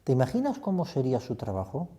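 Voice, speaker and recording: A man's voice: mid-range voice, wildly swooping pitch, fast, mellow. A man, a priest leading a retreat meditation, reflective and putting many questions to the listener.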